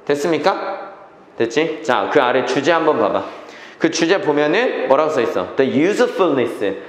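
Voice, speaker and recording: A man's voice: fairly high pitch, big pitch swings, a little slow. A man teaching an English reading class, checking in with students and repeating key phrases. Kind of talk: classroom lecture. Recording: echoey classroom reverb.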